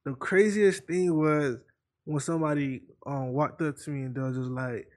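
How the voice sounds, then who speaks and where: A man's voice: a little high, steady tone, normal speed. A man in his early twenties talking in a hesitant, slangy casual chat. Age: 20s.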